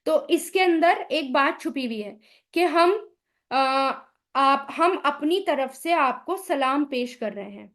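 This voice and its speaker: Woman, high voice, Quran teacher, explaining grammar, asks and answers her own questions. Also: expressive, a bit bright. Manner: asks the listener questions, then answers them; spells out Arabic vowel sounds slowly. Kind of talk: explaining Arabic grammar in a recorded lesson.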